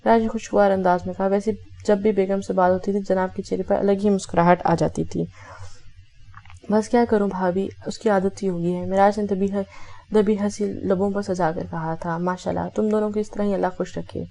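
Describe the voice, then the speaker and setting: A woman's voice: medium pitch, steady tone, vocal fry, dark tone. A woman reading a romance novel aloud, voicing every character in her own voice with small self-corrections. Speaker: audiobook narrator.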